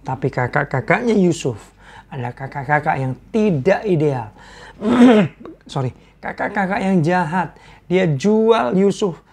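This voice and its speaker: His voice is high and expressive, his pace measured, as he preaches informally to an audience. Earnest and deliberately repetitive, he asks them questions and stops to clear an irritated throat.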